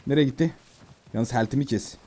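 A man streaming a game, chatting casually to himself, reading prompts aloud with a Turkish accent and softly calming his horse. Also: medium pitch, fairly quick, a little hiss or hum. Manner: repeats soft calming words. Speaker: gaming streamer. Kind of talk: casual let's-play commentary.

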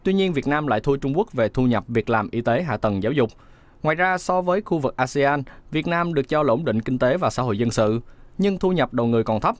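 A man reading a scripted news voice-over in a steady, measured way. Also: medium pitch, no room sound. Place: studio booth.

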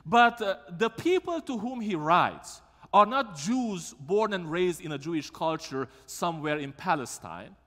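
A man's voice: sits high, unhurried. A man, preaching a sermon as pastor in a church sanctuary and asking the congregation questions. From Romania. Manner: lively, asks the congregation questions. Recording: long church reverb.

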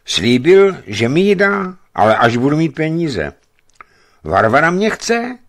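Man playing a big lovesick young guard with a club, loud and plain-spoken, voice pushed higher than the reader's. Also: big pitch swings. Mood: earnest. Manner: booming yet shy, talks plainly. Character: huge young male watchman, lovesick giant with a club.

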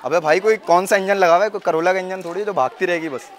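A young man from Pakistan filming a joking vlog outdoors, excitable and often shouting at the kids around him. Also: high-pitched, quick pace. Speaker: vlogger. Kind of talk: casual vlog commentary. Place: outdoors on a busy street.

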